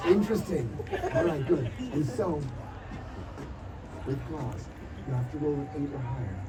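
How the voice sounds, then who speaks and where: A man hosting a live tabletop role-playing show as game master, narrating theatrically with dramatic, drawn-out suspense. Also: on the high side, sing-song. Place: outdoor stage at a Renaissance fair. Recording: distant mic, loud crowd and noise.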